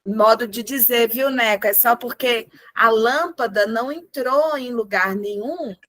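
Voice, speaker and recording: A woman teaching a group music lesson over a video call, encouraging the class and chanting words slowly in rhythm. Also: fairly high pitch, fairly bright tone, no echo.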